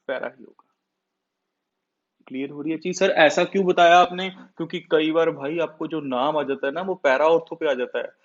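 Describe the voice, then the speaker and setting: A man teaching a chemistry class, who often asks the students questions and then answers them himself. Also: fairly high pitch. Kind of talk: classroom lecture. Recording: dull lo-fi sound.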